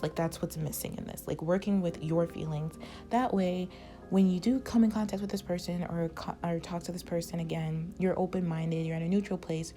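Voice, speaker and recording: Losing her voice as she goes, a woman rambles through a casual tarot reading, packing it with "like" fillers and speaking in an advising tone. Her voice is fairly low in pitch with a dark tone.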